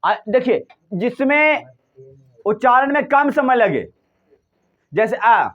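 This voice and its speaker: A man's voice: extremely high pitch, big pitch swings, slow, lo-fi sound. A male teacher giving a classroom lesson, drilling his students with repeated questions and answering them himself.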